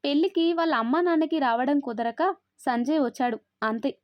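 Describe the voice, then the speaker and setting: A woman's voice: high voice, brisk, no room sound, close to an everyday voice. A woman storyteller voicing a cheerful, frank young woman who talks in a chatty, direct way. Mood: friendly. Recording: dry, slightly dull recording.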